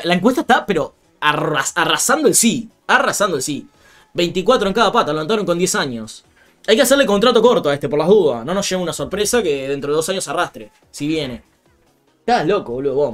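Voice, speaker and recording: A young man with a Rioplatense Spanish accent, chatting casually about football on a live stream, laughing often and reading out viewer comments. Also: a little high.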